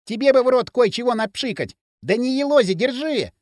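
A man voicing an arrogant teenage boy who scolds loudly. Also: very high-pitched, animated, brisk, dry recording, studio quality, pitched above the performer's own voice. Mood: mocking. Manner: loud and scolding. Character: cocky bossy teenage boy.

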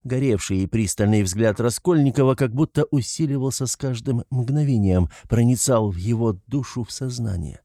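A man giving a measured, steady audiobook narration of a classic novel. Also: mid-range voice, no room sound, clean studio sound.

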